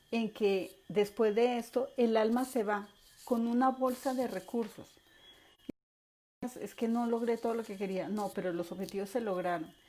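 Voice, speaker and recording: A woman teaching an online course, animated and repeating words to drive points home. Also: mid-range voice. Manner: animated, acts out examples with repetition.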